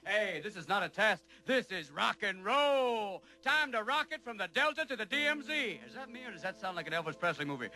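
An actor playing a radio DJ who fires off manic, wisecracking patter into a studio microphone with loud bursts. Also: male voice, sits high, lively intonation, brisk, hardly any pauses, exaggerated voice.

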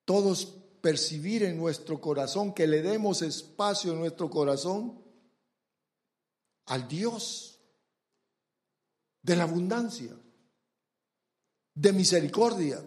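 A man preaching a sermon with emphasis, urging his listeners again and again to look and pay attention, and swinging between loud and hushed delivery. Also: fairly high pitch, slow pace, pauses often. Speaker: pastor.

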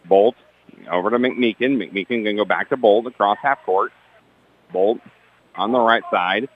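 A man's voice: on the low side, phone-quality sound. Man calling basketball play-by-play. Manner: rapid player-by-player calls, dry asides about the refs. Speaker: play-by-play announcer.

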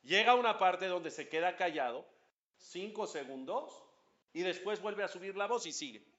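A man, a rabbi giving a lively religious class, questioning his listeners and chanting Hebrew prayer lines. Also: high voice, normal speed, lo-fi sound.

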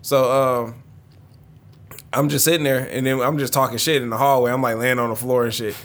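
A man's voice: medium pitch, fairly even intonation, brisk, fairly bright tone. A young man, chatting casually and profanely as a podcast co-host, telling stories. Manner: laid-back, profane, storytelling. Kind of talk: casual chat.

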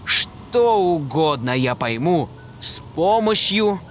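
A man voicing a hungry, menacing male dragon with a slow, growling delivery in a storybook reading. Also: on the high side, big pitch swings, faint music behind.

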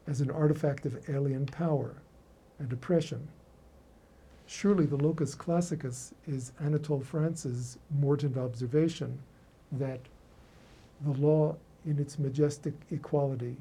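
A man delivering a scripted academic lecture in a formal, measured, erudite professorial manner, with a husky voice. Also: a little high, mellow, poor audio.

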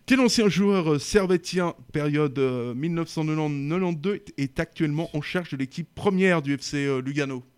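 Brief: male quiz host, a touch higher-pitched, joking and hesitant, casual chat. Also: fairly quick, hardly any pauses, smooth. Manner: teasing, hesitant with many fillers.

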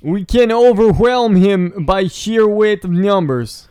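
A blustering male alien invader, put on by a man for a comic read-aloud. He booms his lines slowly in a raised voice, stiff and theatrical. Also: clean tone, no room sound, studio quality. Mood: menacing. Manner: loud, slow, stilted villain speech.

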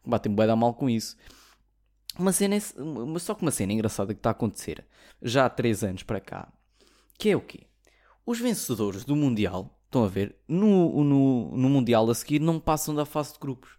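A young man from Portugal speaks with a European Portuguese accent and a voice of middling pitch. He rants sarcastically in a casual comic monologue and swears freely. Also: animated, quick pace, darkish tone. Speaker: comedy podcaster.

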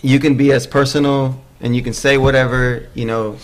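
A man's voice: medium pitch, level tone, brisk, rough recording. Hype, laid-back male podcast host. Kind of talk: casual podcast interview. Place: Houston.

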